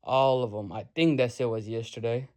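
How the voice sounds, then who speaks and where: A man's voice: medium pitch, fairly even intonation, normal speed, darkish tone. Slangy young man talking motivation. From Nepal. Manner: slangy, swears, calls viewers bro. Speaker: vlogger. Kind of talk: casual motivational talk to camera. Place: his bedroom.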